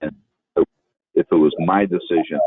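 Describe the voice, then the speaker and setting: A man calling into a board meeting over a speakerphone, his voice breaking up and cutting in and out, talking in halting, broken-off phrases. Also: low voice, steady tone, no echo. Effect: voice breaking up over a phone speaker. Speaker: board member calling in remotely. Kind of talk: town board meeting discussion. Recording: tinny, breaking-up phone line.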